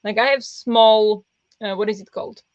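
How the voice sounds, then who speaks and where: This woman chats casually with livestream viewers while hosting reading sprints for books, meandering with many fillers and restarts. Her mid-range voice is pressed and easily goes raspy, steady in tone at a moderate pace, captured in dull, dry lo-fi sound with no echo.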